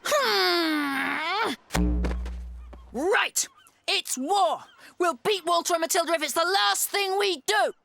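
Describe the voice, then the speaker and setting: Woman as a very high-pitched scrappy cartoon boy. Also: takes it slowly, creaky, long pauses, bright, forceful tone, heavily acted. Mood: determined, scheming. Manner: bold, scheming, exclamatory. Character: scrappy, mischievous young boy ringleader, determined. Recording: music behind the dialogue.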